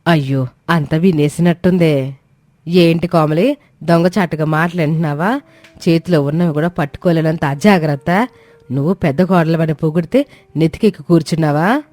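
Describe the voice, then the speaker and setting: A woman's voice: sits low, normal speed, mellow, no echo, natural voice. A woman voicing a scheming, domineering middle-aged mother-in-law who talks in a scornful, commanding way. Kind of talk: Telugu audio drama acting.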